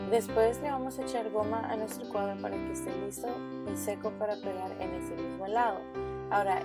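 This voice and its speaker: Woman giving craft instructions over loud guitar music. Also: mid-range voice. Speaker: children's program host. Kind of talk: step-by-step craft instruction for children.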